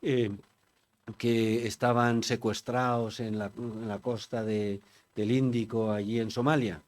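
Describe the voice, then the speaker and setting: A man's voice: mid-range voice, flat delivery, measured pace, darkish tone. An older man from Spain giving an informal public talk, chatty and digressive, often turning to the audience with questions. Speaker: conference speaker.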